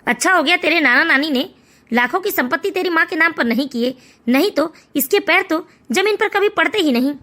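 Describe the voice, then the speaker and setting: Stern, blunt cartoon father-in-law, voiced by a woman, high and bright, scolding. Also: expressive, a little fast, full character voice. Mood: exasperated. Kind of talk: animated storytelling voice acting.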